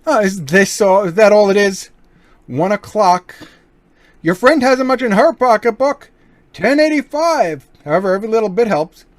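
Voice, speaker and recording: In an old-time radio crime drama, a man plays a suave gentleman burglar who taunts with unhurried, mock-courteous politeness and quiet menace. His pitch swings widely with lively intonation, and the recording is dry with no room sound. He comes across smug and taunting.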